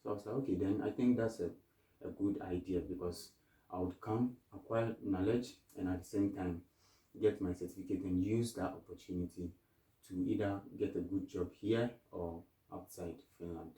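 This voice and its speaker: Young Ghanaian man, low voice, rambling guest answers, roomy and off-mic. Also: fairly even intonation, moderate pace, warm tone, recorded from a distance. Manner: thoughtful, rambling with restarts. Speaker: interview guest. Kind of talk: casual interview.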